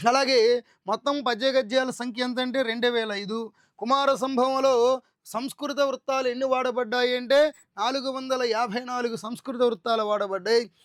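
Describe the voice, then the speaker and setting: A man teaching a Telugu literature exam-prep lesson, listing terms slowly, repeating answers and checking options with his students. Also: very high-pitched, fairly bright tone, dry recording, clean studio sound.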